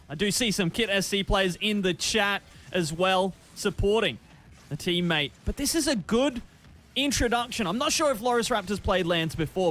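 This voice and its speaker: A man casting an esports match, calling plays quickly with frequent restarts. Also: high voice, fairly bright tone, a little hiss or hum. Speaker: esports caster. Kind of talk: esports play-by-play commentary.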